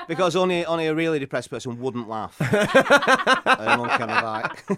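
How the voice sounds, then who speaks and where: A man's voice: a little high, big pitch swings, moderate pace, gravelly, over a noisy crowd. A man with a northern English, Lancashire accent chats casually and comically, in a jokey, irreverent way. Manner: jokey, irreverent, often chuckling through words. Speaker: comedian guest.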